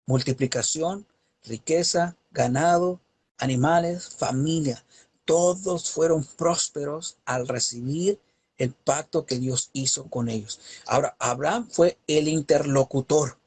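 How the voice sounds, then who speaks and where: A man with a slightly husky, fairly high voice delivers a Bible teaching. He preaches emphatically, pressing his points with rhetorical questions and rising cadences. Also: unhurried, darkish tone.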